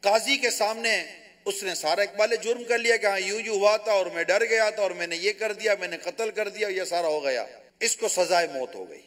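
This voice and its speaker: A Pakistani man, a religious scholar, telling a moral story in a sermon and acting out the dialogue. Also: high-pitched. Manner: animated storytelling with quoted dialogue.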